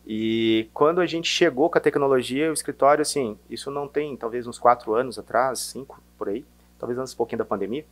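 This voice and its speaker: Guy w a faded mineiro accent, chatting in an interview, lots of restarts, normal pitch. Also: brisk. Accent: Mineiro, softened. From Minas Gerais, Brazil. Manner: hesitant, many restarts and fillers. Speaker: salesman guest. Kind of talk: casual interview chat.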